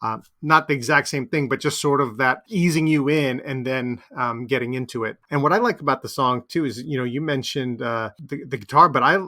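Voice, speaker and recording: A man co-hosting a podcast, talking about an album in a relaxed, conversational way with plenty of fillers. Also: mid-range voice, brisk, hardly any pauses. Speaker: podcast co-host. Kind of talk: casual music chat.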